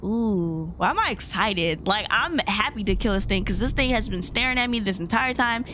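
A woman's voice: medium pitch, expressive, moderate pace, background noise. A young woman giving casual, slangy commentary as a scared, jittery horror game streamer. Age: young adult. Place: small indoor gaming room.

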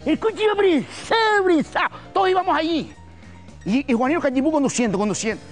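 An older Canarian man spins a folksy, colloquial comic story, his voice sitting unusually high. His pitch swoops up and down animatedly, with faint music under him. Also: expressive, fairly quick. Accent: Canarian Spanish. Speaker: humorist. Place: TV gala stage.

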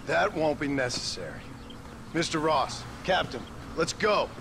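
Curt, defiant Western gunslinger. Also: male voice, on the high side, expressive, unhurried, vocal fry, background noise. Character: terse, defiant male Western gunslinger on horseback. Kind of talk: video game acting.

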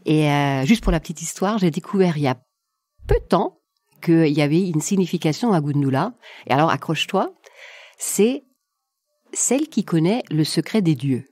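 Podcast guest: woman, 50s, foreign German accent, lowish pitch, dry close recording, informal storytelling. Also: lively intonation, moderate pace, a little mellow, breathy edge, dry recording. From southwest Germany. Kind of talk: casual interview storytelling.

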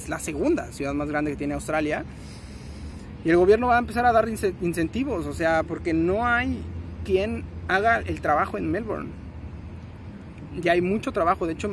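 A young Mexican man vlogging to his phone in a city park, rambling in casual slang and correcting himself as he goes. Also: on the high side. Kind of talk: casual selfie vlog. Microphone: phone at arm's length. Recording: outdoor noise, passing traffic.

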